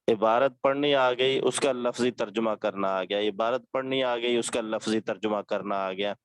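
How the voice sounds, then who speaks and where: Teacher guy lecturing students, mid pitch, says stuff twice, dry close sound. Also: clear, resonant tone, no room sound. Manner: repetitive, earnest, exhorting. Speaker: religious teacher. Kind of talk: advice talk to students.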